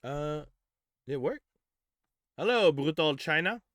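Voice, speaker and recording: Dude running a demo review stream, bright crisp voice, super dry sound, rambly with lots of ums. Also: male voice, on the high side, lively intonation, measured pace, no echo. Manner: loose and rambling, full of fillers, says "bro", swears casually. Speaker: music producer hosting a demo review stream. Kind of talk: casual live-stream chat and feedback. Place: home studio on a Discord call.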